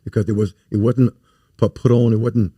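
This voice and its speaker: A man's voice: fairly low pitch, little pitch movement, moderate pace, mellow, breathy edge, no room sound, lo-fi sound. A man who coaches youth, talking earnestly on a talk show, repeating words and dropping rhyming sayings. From Louisiana, USA. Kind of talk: casual talk show conversation.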